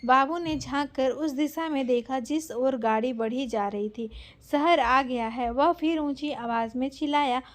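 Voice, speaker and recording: A woman narrating a literary short story in a measured, expressive reading. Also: high voice.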